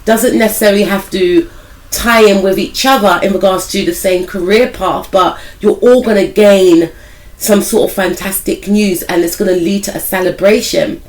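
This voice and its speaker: This woman, a tarot reader and spiritual life coach, chats loosely through an intuitive reading for her viewers, addressing "some of you" and softening everything with "I feel like." Her mid-range voice is a little croaky from a cold, with fairly even intonation and normal speed. The audio is poor.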